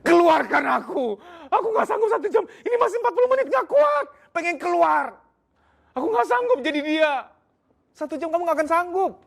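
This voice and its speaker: A panicking young husband begs to be let out, his voice climbing shrill and strained with desperation, as a man puts him on. He pleads frantically, unable to bear it a moment longer. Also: sing-song, brisk, vocal fry, a bit bright, heavily acted. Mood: frantic.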